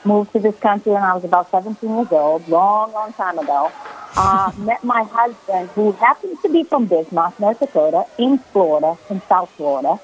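A Brazilian woman in her forties calls in to a radio interview over the phone, telling her story earnestly with plenty of filler words. Her voice is medium-pitched at a moderate pace, and the recording quality is poor.

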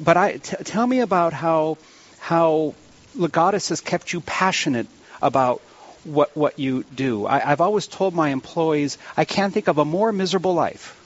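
Male radio host, dull band-limited sound. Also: on the high side. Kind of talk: live radio round-table interview. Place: live remote broadcast from a church.

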